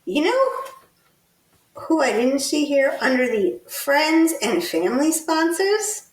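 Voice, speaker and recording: Woman host from Texas, higher voice, slow and pointed, echoey room, a bit off-mic. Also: big pitch swings, far from the mic. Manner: deliberate, pointed, sarcastic criticism. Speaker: podcast co-host. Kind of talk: casual political commentary. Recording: roomy sound, set back from the mic.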